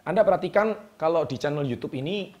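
A man hosting a motivational talk straight to the camera, emphatic and repeating key words with a drawn-out "ya". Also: on the high side, lively intonation, darkish tone. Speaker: host. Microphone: speaking straight to the camera.

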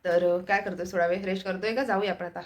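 A woman's voice: on the low side, steady tone, fast talker. Chatty woman vlogging at home. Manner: chatty, addresses viewers as friends. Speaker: family vlogger. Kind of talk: casual home vlog.

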